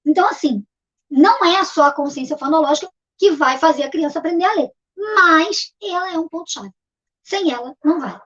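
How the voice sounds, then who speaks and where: A middle-aged woman teaching literacy in a video lesson, her voice sitting high and light. She explains patiently and goes back over each key term. The recording sounds dull and lo-fi. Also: lively intonation, fairly quick, fairly bright tone. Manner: patient, repeats key terms to explain step by step.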